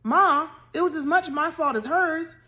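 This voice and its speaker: Storybook role: bossy farm boy giving orders, fairly high voice, played by a woman reader. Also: lively intonation, moderate pace, creaky, fairly bright tone. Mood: pleading.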